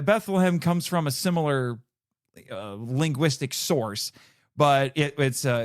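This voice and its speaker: A man's voice: mid-range voice, no echo, clean studio sound. A man hosting a casual film discussion, explaining things in a rambling way and backtracking mid-thought. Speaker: film podcast host.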